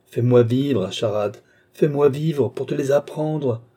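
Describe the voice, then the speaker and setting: A man voicing a dying old alchemist who pleads, rages and screams in a hoarse, harsh voice. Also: unhurried, warm tone, close to an everyday voice. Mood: pleading. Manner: shrill pleading cries turning to furious screams. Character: dying old male alchemist, raging and vengeful.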